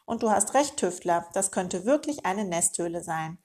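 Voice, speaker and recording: A woman's voice: on the low side, animated, normal speed, a little mellow, close to an everyday voice. A woman voicing a boastful old male meerkat uncle in a children's storybook, talking in a pompous, self-important way.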